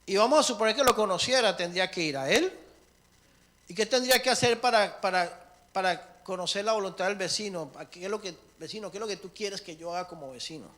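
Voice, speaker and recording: A man preaching a sermon with emphatic swings between loud and soft, acting out prayers and little dialogues. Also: high-pitched, lively intonation, a little fast.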